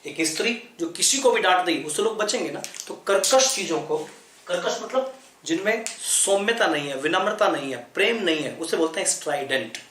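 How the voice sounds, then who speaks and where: Male tutor, high voice, drills and repeats words, rhetorical questions; roomy sound. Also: lively intonation, moderate pace, a bit bright, slight background noise. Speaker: English vocabulary teacher. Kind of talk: explanatory classroom lesson.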